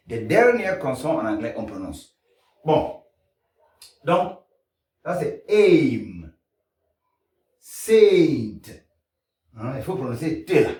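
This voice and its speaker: A man teaching pronunciation, slowly drilling and repeating sounds, recorded at a distance in an echoey room. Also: a little high, darkish tone. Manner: slow, repetitive drilling of sounds. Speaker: language teacher. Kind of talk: pronunciation lesson.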